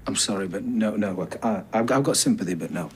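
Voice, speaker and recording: An actor playing a dry, grudging taxi boss in a British soap, curt and sardonic. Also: male voice, fairly low pitch, quick pace, darkish tone, a little hiss or hum, close to an everyday voice. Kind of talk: naturalistic British TV soap acting.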